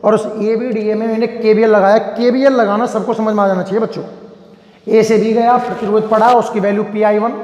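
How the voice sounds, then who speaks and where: A man with a high voice teaches physics, repeatedly asking his students a question and then answering it himself. He sounds as if he is standing in a bare room with a long, ringing reverb. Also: little pitch movement, brisk, darkish tone, muffled recording. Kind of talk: classroom lecture at a board.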